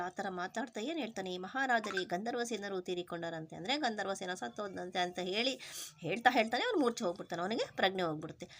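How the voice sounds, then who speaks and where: A woman teacher who reads a textbook story aloud, then retells each line in simple everyday words. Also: medium pitch. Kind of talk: reading and explaining a textbook lesson.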